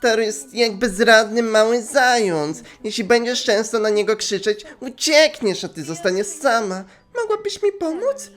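A man doing a soft, soothing schoolgirl friend. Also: sits high, normal speed, hardly any pauses, pitched above the performer's own voice. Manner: soft, calming, motherly.

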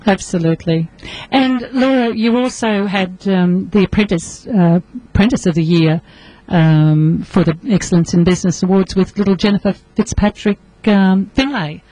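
A woman's voice: mid-range voice, moderate pace, mellow, no echo, low-quality recording. A woman hosting a casual radio interview, chatty and laughing often. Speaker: radio host. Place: radio studio. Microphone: studio microphone.

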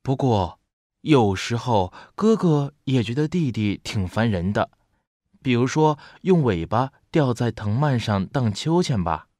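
Expressive man reading a children's picture book. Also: medium pitch, a little slow, no echo, studio quality. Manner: expressive, storytelling. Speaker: storybook narrator, voice teacher.

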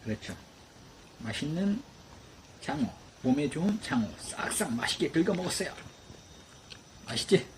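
A man's voice: fairly high pitch, sing-song, normal speed, long pauses. A man talking casually to his pet dogs in cooing baby talk as he feeds them. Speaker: dog owner vlogger. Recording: clear background noise.

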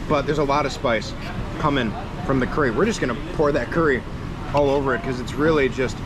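An American man in his thirties hosting a food vlog, talking excitedly and joking as he eats, filmed at arm's length on a city street at night. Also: mid-range voice, fairly quick. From United States. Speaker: food vlogger host. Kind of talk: casual vlog narration. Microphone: action camera held at arm's length. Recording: loud street noise behind.

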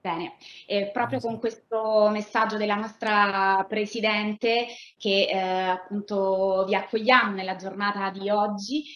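A woman's voice: mid-range voice, level tone, measured pace, a bit bright. A young woman in marketing presenting a company to an audience, speaking hesitantly with many fillers. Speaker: marketing manager. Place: large indoor hall. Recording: echoey hall, dull lo-fi sound.

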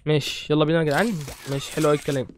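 A man's voice: on the high side, level tone, rapid-fire, a little hiss or hum. A young Egyptian man hosting a horror game playthrough, rambling and joking nervously. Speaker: gaming host.

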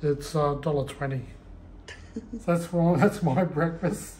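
A man's voice: a little high, unhurried, slight background noise. A man, chatting casually and chuckling as he talks in a travel vlog. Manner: relaxed, chuckling. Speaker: travel vlogger.

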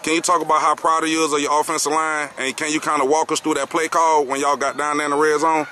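Bright sports interviewer. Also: male voice, on the high side, level tone, quick pace, a little hiss or hum. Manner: formal, says "yes, sir" after each answer. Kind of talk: postgame interview questions. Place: outdoor football field at night.

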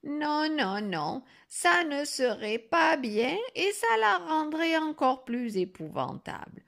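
Woman voicing an old grandmother, thin and quavering, high-pitched, sweetly sly. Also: sing-song, slow, vocal fry, fairly bright tone, exaggerated voice.

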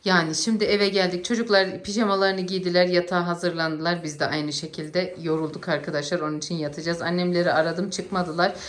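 A woman's voice: fairly low pitch, fairly even intonation, fairly quick, hardly any pauses. A woman talks casually to her vlog audience. She addresses viewers directly as a family vlogger.

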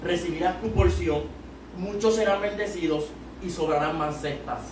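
A young man from Puerto Rico, preaching as an evangelist, has a high-sitting voice at a moderate pace and a Puerto Rican Spanish accent. He exhorts a youth service from a small church pulpit with a handheld mic, his delivery peaking loud and emphatic. Filmed by a far camera, the room sounds echoey and noisy.

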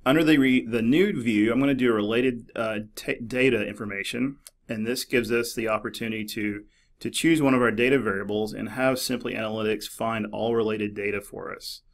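A middle-aged man narrating a screen-recorded tutorial in a relaxed, explanatory way, with many fillers and restarts. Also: on the low side, fairly quick. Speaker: librarian demonstrating a database. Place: office.

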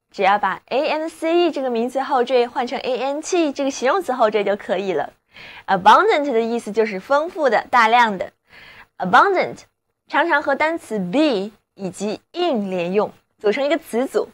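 A woman whose first language is Chinese, presenting a scripted English vocabulary lesson and slowing down to spell words and model example sentences. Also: high-pitched. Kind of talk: scripted radio-style lesson narration.

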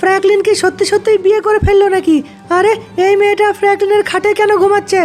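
A woman with a very high voice narrates a comic game skit in a whiny, dramatic manner. She talks quickly, keeping her pitch flat and shrill. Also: faint music behind. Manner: whiny, dramatic sobbing and shouting. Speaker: game video voice-over for several figures.

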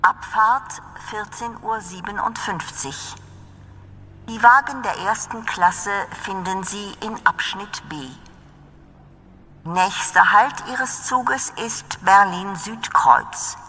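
A woman voicing a railway announcer, making flat, formal, measured platform announcements. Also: mid-range voice, slight background noise. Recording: long reverberant station PA.

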